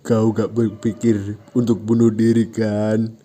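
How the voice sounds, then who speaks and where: A man voicing a confident young male friend in a comic recap, speaking loud and blunt. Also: fairly low pitch, monotone, slow pace.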